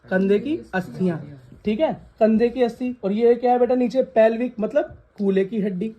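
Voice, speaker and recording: On dull-sounding audio, a woman with a fairly high pitch and normal speed leads a science lesson for the students present. She repeats each question so the class can chant the answer, calls the kids "beta," and reprimands laughers.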